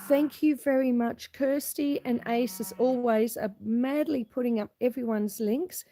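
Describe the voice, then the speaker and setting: With a cold making her husky and hoarse, a middle-aged Australian woman chats casually as she greets viewers on a live stream from her homestead, filming outdoors on her phone camera. Her pitch is fairly high and her intonation fairly even; she's unhurried and mellow, with a little hiss or hum.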